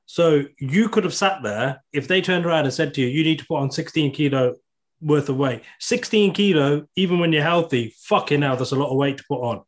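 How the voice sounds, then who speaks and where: A man's voice: on the high side, fairly quick. A man hosting a casual talk, chiming in emphatically and swearing now and then. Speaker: host. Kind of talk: casual podcast chat.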